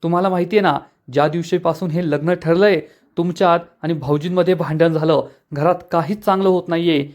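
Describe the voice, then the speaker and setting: A man voicing a furious, superstitious middle-aged mother in a dramatic serial recap, with rushed, accusing lines. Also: a little high, steady tone, darkish tone, natural voice. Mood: angry, accusing.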